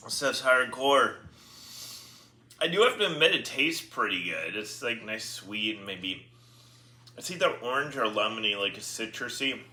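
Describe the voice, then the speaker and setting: A man's voice: mid-range voice, lively intonation, normal speed, pushed and bright. A man hosting a casual taste test, groaning and exclaiming with a sour-face pucker as he talks. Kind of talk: casual chat, reacting while tasting. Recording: echoey room with faint background noise.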